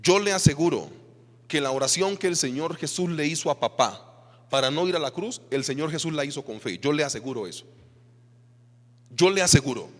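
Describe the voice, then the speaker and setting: Male pastor, Colombian Spanish accent, higher voice, sermon in a long-reverb church hall. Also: brisk. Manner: animated preaching with rhetorical questions to the congregation.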